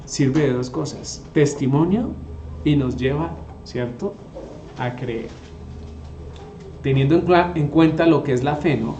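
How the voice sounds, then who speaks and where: A man's voice: fairly high pitch, measured pace, pauses often, warm tone. A man, teaching the Bible to a group and often asking them rhetorical questions. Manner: asks the audience rhetorical questions. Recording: echoey room.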